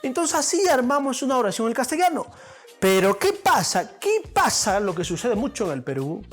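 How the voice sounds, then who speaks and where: A man's voice: very high voice, big pitch swings, normal speed, soft background music. A man teaching a lesson, asking questions and answering them himself. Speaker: language teacher. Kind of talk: classroom lesson on linguistics.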